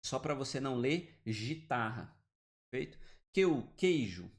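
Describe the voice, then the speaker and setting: Guy teaching grammar online, kinda gravelly voice, keeps asking "got it?". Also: medium pitch, sing-song, moderate pace. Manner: explanatory, checks in with "né?" and "beleza?". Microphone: computer mic, drawing with the mouse.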